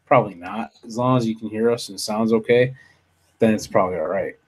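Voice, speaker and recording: A man's voice: on the low side, fast talker, darkish tone, breathy edge. Guy rambling on his live stream into a desk mic, lots of ums and restarts, cusses a bit. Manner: rambling, full of fillers and restarts, mild swearing. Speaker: livestream show host. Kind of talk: casual live-stream chat. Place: home office. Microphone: desktop USB studio mic.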